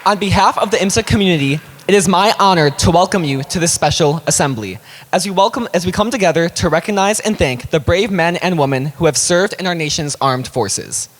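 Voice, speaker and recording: A man's voice: sits high, fairly quick. A man giving a formal welcome speech as the host of a ceremony. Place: school assembly hall. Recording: reverberant hall with crowd noise.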